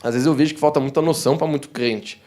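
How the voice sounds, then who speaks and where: A young Brazilian pastor with a southern Brazilian Portuguese accent preaches in a church hall, warm and conversational, often addressing the congregation as "dear ones." His voice sits on the high side and moves quickly as he tells animated stories, acting out the quoted voices.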